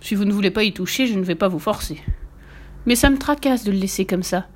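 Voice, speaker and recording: A woman's voice: medium pitch, quick pace, natural voice. A woman voicing a cheeky, cheerful, fearless little girl in a storybook reading, bubbly and boastful. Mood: joyful.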